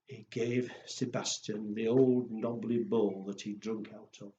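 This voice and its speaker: A children's storyteller with a lowish, dark voice speaks a little slowly and in a level tone. He tells playful stories and rhymes to young children in simple language, acting out woofs and exclamations, in an echoey room with dull sound and faint noise.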